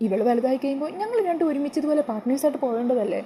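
A sly young schemer voiced by a woman retelling a TV serial, coaxing and wheedling in a slightly high, quick voice. The tone stays soft and mellow rather than bright. Faint room ambience sits behind her. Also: animated, a little hiss or hum.

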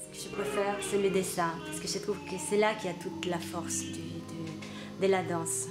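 A woman's voice: on the low side, steady tone, moderate pace. Argentine-born woman painter, roomy gallery. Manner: thoughtful, searching for words. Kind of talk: interview. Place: indoor art gallery. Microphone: camcorder mic, medium framing. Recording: roomy gallery with music behind.

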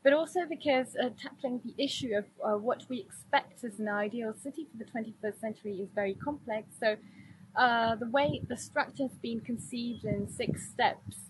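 A young woman from Madrid, giving a thoughtful statement about a course with frequent hesitant pauses. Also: a little high, a little hiss or hum, poor audio. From Madrid, Spain. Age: young adult. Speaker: course participant. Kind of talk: self-recorded video statement.

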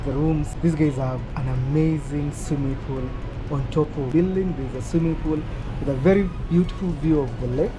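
A man's voice: a little high, moderate pace, poor audio. A man in his thirties hosting a casual travel vlog, upbeat and mixing English with Swahili, filmed at arm's length in a car. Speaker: travel vlogger host. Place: parked car, indoors. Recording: loud background music.

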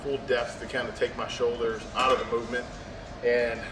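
With music playing behind him, a competing bodybuilder in his thirties talks briskly to camera about his training in a large indoor gym. His medium-pitched voice keeps a level tone, casual and matter-of-fact with fillers trailing off, and the audio is echoey and distant.

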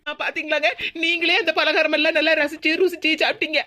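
Woman voicing a bright-voiced grumbling daughter-in-law. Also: sits high, flat delivery, fast talker. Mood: complaining. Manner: complaining, indignant. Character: aggrieved young village daughter-in-law. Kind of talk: cartoon voice acting.

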